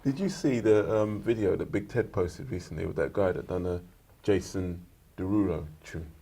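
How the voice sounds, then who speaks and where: A man hosting a studio interview, chatting in a casual, animated way and telling quick anecdotes. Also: low-pitched, gravelly, slightly rough. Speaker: interviewer, radio presenter. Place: radio studio.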